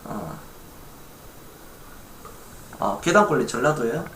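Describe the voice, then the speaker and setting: A man's voice: medium pitch, very animated, slow, fairly bright tone, echoey room, slight background noise. A man from Gwangju streaming live about stock investing in a casual chat, reading viewer messages aloud. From Gwangju, South Korea. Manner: chatty, reads viewer chat aloud, laughs lightly.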